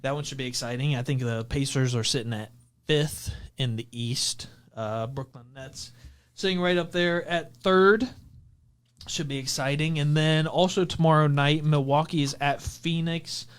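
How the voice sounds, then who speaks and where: A man with a smooth, resonant voice talks through upcoming basketball games. He goes through dates and matchups, stopping often on small fillers, in a relaxed podcast chat. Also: on the high side, normal speed. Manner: runs through game schedules with fillers. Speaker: podcast co-host. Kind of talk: casual sports chat.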